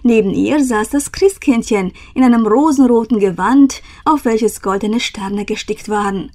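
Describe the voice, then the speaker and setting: A woman reading an old German fairy tale aloud in a calm, measured storytelling manner. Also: fairly high pitch.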